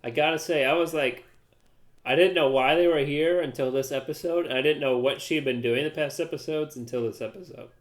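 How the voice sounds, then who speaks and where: A young man jokes around on a podcast, brushing off his friends' teasing in relaxed banter. His voice sits a little high in pitch. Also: a little fast. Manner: defensive, joking banter while drinking. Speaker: podcast co-host. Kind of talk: casual chat.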